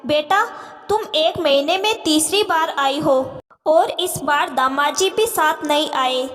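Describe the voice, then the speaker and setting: A woman voicing a caring middle-aged stepmother who gently coaxes her daughter, in a reverberant room. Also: sits high, takes it slowly, soft background music. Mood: worried.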